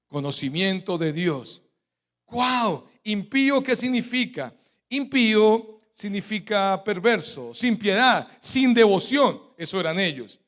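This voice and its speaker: A Colombian man preaches in church in a fairly high voice. He drives his sermon with rhetorical questions and sharp emphatic stresses. He leaves gaps for the congregation to fill in his lines. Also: animated, takes it slowly. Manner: emphatic preaching cadence with sudden loud stresses. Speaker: pastor.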